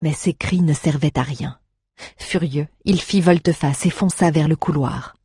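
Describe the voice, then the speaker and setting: A husky, slightly breathy narrator reads an adventure story with a steady, dramatic pace. The sound is dry and close, with no room around it. Scripted storybook reading. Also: medium pitch, unhurried, no room sound. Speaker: audiobook narrator.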